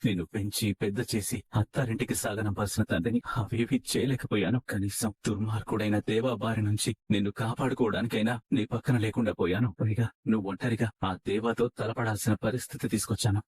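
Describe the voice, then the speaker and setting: A man's voice: lowish voice, fairly even intonation, fast, few pauses, a little mellow, husky, no room sound. An actor playing a middle-aged father held captive, who speaks in a pleading and regretful manner. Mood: grieving. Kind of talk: TV serial acting.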